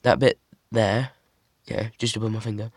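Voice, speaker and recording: A young man casually showing off a toy model he built, talking in a monotone with many fillers and restarts. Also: fairly low pitch, moderate pace, dry recording, studio quality. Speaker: hobby builder showing a model. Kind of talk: casual show-and-tell.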